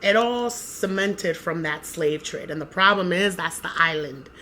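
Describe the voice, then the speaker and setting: This podcast co-host, a young Dominican-American woman raised in the U.S., speaks on the low side and a little slowly, with slight hiss or hum on the recording. Her casual chat is animated and profane, full of emphasis and repetition.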